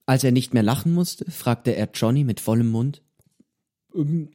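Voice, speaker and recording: A man narrating a story aloud in a scripted, expressive storybook reading. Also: mid-range voice, normal speed. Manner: expressive, voices the characters. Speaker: audiobook narrator.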